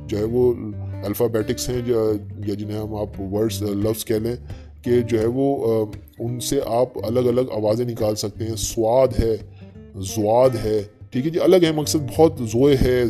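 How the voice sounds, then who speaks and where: A man giving a conversational lecture, often checking in with his listeners and reciting verses slowly. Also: medium pitch, dark tone. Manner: conversational, fillers and frequent "theek hai ji" asides. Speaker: teacher. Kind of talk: spoken lecture on language history.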